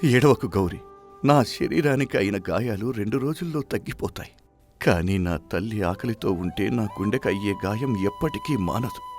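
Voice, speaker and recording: Brief: man as poor honest village laborer, lowish voice, emotional and pleading, soft music under. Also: lively intonation, moderate pace. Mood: tender. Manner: pleading, emotional dramatic reading.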